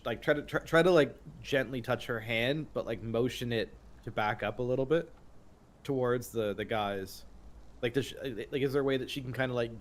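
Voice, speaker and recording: A man playing a tabletop game, speaking hesitantly with many fillers. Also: mid-range voice. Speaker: player. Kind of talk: casual tabletop play.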